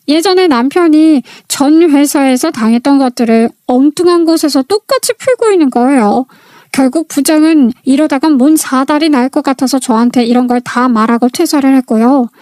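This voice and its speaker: A woman narrating a first-person story in a steady, earnest, confessional manner. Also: high-pitched, no echo, clean studio sound.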